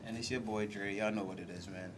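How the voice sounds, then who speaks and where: A man co-hosting a podcast, teasing and joking in slangy, animated banter. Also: fairly low pitch, fast talker, slight background noise. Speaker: podcast co-host.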